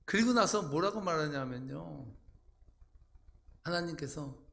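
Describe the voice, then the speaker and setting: A man preaching a sermon as pastor, acting out quoted voices with sudden loud outbursts. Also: a little high, animated, a little slow, gravelly.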